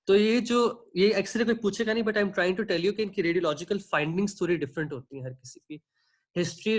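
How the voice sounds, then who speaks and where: A man teaching an online medical class, explaining at length and checking in often with his students. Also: high voice. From Pakistan. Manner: explanatory, checks in often with "theek hai", asks students for questions; clears his throat now and then. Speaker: medical lecturer. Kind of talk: online lecture mixing Hindi-Urdu and English.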